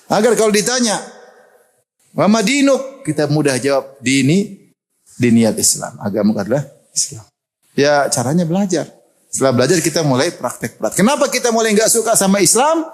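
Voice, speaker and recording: A middle-aged man from Indonesia preaching a sermon, animated and joking and often laughing. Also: high-pitched, moderate pace.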